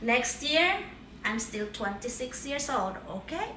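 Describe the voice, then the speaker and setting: A woman's voice: on the high side, expressive, unhurried, pushed and bright, recorded from a distance, slight background noise. A middle-aged woman chatting playfully as she cooks at home, narrating each step with cheery exclamations. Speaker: home cook. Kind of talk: casual cooking vlog narration. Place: home kitchen. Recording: echoey room, voice from afar.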